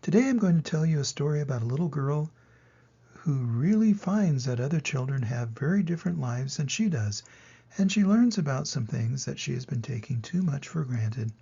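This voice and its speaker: Gravelly grandpa voice reading a storybook. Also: male voice, mid-range voice, lively intonation, normal speed, mellow, highs cut off. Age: older. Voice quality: gravelly, husky. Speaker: storybook reader. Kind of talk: children's storybook narration, read aloud.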